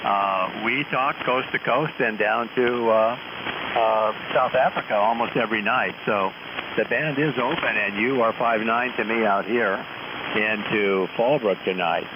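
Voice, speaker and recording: A man's voice: fairly low pitch, unhurried. A man talking as an amateur radio operator in a ham radio conversation, spelling out call signs in the phonetic alphabet over a radio link. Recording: noisy hissy muffled ham radio transmission.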